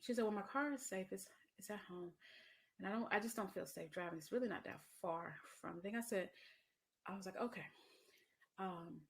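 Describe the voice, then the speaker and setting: A woman's voice: mid-range voice, a little fast, vocal fry. A middle-aged woman hosts her podcast, telling a story in a casual, chatty way with plenty of asides and laughter. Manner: chatty, laughs often, lots of fillers and asides. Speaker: podcast host.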